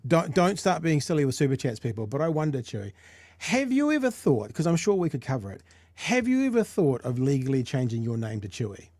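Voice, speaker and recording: A dry, close recording of a man with a New Zealand accent. He hosts a live talk show in casual chat, with a medium-pitched voice. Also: sing-song, quick pace, a little mellow, dry recording.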